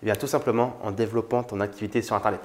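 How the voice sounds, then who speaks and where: A man's voice: lowish voice, fairly even intonation, very fast. A young man from France talking casually to the camera as a YouTuber, informal and familiar with the viewer, with frequent fillers. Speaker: YouTuber on money and online business. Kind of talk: casual direct-to-camera talk.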